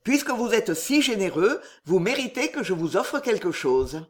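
A man's voice: high-pitched, sing-song, normal speed, voice pushed up. A man voicing a humble prison concierge in a storybook reading, deferential and astonished. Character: humble old male prison concierge, awed and eager.

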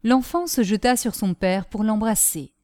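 A woman reading a classic novel aloud in a measured, clear narration. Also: mid-range voice, darkish tone, no room sound, clean studio sound. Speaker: audiobook narrator.

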